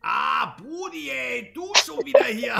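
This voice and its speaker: A cheeky banana puppet, put on by a man, yells and cackles at strangers in a swooping, gravelly voice that leaps up high. It taunts everyone in a rowdy video chat prank, with music playing behind it. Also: very animated, takes it slowly, exaggerated voice. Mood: rowdy teasing. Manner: shouting, teasing, laughing.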